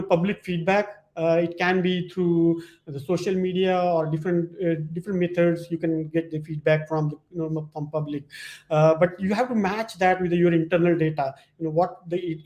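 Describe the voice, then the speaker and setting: A man giving an informal slide presentation, speaking in halting, repetitive phrases with many verbal fillers. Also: high voice, fairly even intonation, a little mellow. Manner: hesitant, halting phrasing with frequent repetition and "you know".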